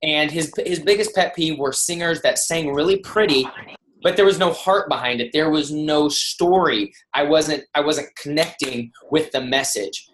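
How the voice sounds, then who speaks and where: A man's voice: a little high, normal speed, a bit bright, a little hiss or hum. A man speaking on a kickoff call, telling personal stories to motivate his team. His talk is loose and conversational, with many restarts, and he sometimes acts out the people he is quoting. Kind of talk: motivational storytelling.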